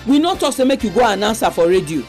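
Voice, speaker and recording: A woman's voice: mid-range voice, very animated, quick pace, a little mellow, soft background music. A woman with a Nigerian accent, hosting a religious radio program and addressing listeners with exhortations and announcements.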